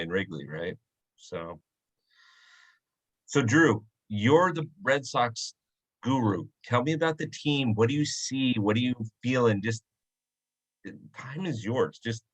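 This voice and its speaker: A man's voice: lowish voice, fairly bright tone, low-quality recording. Chatty male host telling stories. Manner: chatty storyteller, acts out quotes. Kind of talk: casual video chat interview.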